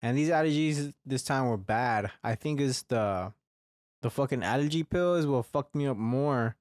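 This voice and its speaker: A darkish-toned, medium-pitched male voice at a moderate pace: a young man hosting a casual solo podcast. He rambles, swears plenty and restarts often, with a slightly congested, phlegmy throat, recorded at studio quality with no room sound.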